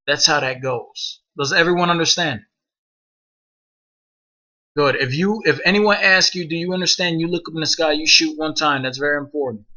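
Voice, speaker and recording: A man with a bright, forceful voice lays down the rules to new recruits, blunt and commanding, and he swears freely. His voice sits a little high and comes through dull, lo-fi voice-chat audio. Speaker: outfit leader training new members. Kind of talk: casual voice-chat instruction.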